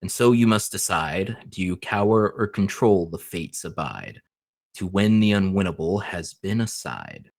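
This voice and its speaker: A man voicing an otherworldly angelic oracle, reciting a solemn, measured rhyming prophecy in a tabletop game. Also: low-pitched, lively intonation, gravelly, no echo, studio quality, exaggerated voice. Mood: solemn, portentous. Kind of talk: tabletop game role-play.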